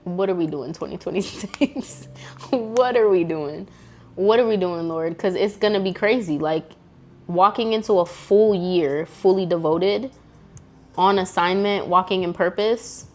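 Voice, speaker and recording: A woman's voice: fairly low pitch, a little slow, soft background music. A woman speaking to camera in an earnest, emotional personal faith testimony, casual and full of slang. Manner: earnest, fervent, casual slang-filled talk. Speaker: vlogger sharing a faith testimony. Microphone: camera mic.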